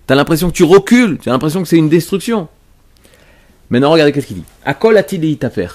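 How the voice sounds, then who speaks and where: A man's voice: fairly high pitch, sing-song, quick pace, a little mellow. A man teaching a religious lesson to a class, speaking emphatically, explaining as he goes and often repeating himself or restarting his phrases. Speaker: Torah teacher.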